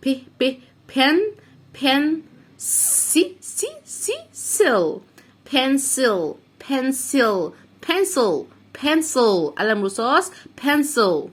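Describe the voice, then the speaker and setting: A woman with an Egyptian Arabic accent, teaching an English phonics lesson for young children. She sounds out words slowly, letter by letter, and asks the listener to repeat after her. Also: a little high.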